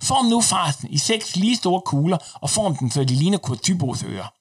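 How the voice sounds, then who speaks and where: A man narrating a recipe in a deadpan, instructional manner. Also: sits high, husky.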